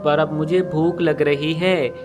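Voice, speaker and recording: A man's voice: on the high side, flat delivery, a little slow, over music, natural voice. A man playing a frail old crow mother. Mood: plaintive. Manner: pleading and plaintive.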